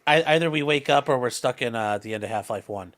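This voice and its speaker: A man's voice: mid-range voice, quick pace, fairly bright tone. A man playing a tabletop game, speaking in casual table chat.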